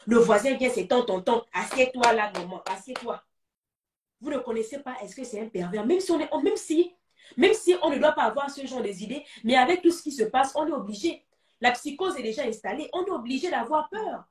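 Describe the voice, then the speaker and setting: A woman's voice: high-pitched, lively intonation, brisk, echoey room, recorded from a distance. A woman with a Gabonese French accent giving advice to parents on a talk show, urging them in emphatic, repetitive exhortations.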